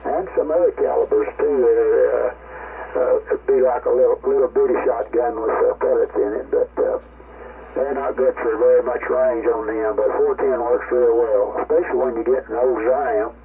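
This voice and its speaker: An older amateur radio operator from the rural United States reminisces casually in a folksy, rambling way. His mid-range voice holds a steady tone at a moderate pace, heard through a tinny, noisy ham radio transmission.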